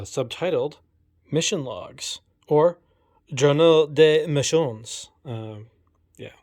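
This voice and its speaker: A man in his thirties chatting casually to camera while unboxing collectibles, full of fillers and self-deprecating jokes, filming on a handheld phone at home. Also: mid-range voice. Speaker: collector vlogger. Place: home game room. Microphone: phone camera held in one hand.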